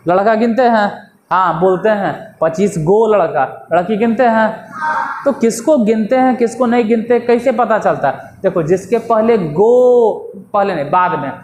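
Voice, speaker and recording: A man's voice: high-pitched, moderate pace, darkish tone, slight background noise. A male English teacher, giving a classroom lesson and quizzing his pupils. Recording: echoey classroom.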